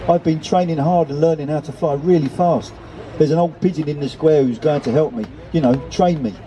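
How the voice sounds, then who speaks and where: Bloke voicing a keen little pigeon, eager and excited, way up high, dark mellow tone. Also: male voice, brisk, close to an everyday voice, low-quality recording. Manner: eager, excited, a bit shy.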